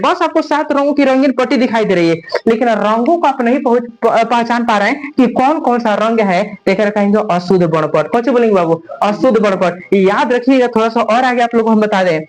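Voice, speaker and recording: A man with a very high voice teaches physics in with a tinge. He keeps quizzing the class and has them repeat the key terms back. He addresses his students as "babu". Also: low-quality recording. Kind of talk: classroom lecture.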